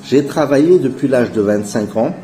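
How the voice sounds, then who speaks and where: Man in his forties, dark mellow tone, earnest persuasive voice-over, faint music behind. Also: lively intonation, normal speed. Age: 40s. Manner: earnest persuasive sales pitch, addresses viewers as family. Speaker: channel host pitching an investment project. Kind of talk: voice-over narration over gameplay.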